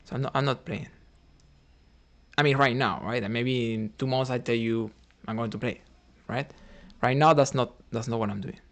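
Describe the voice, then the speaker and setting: Chatting with viewers between moves, a Cuban man livestreams chess and reasons aloud about his play, with "right?" popping up often. His mid-range voice keeps a normal speed.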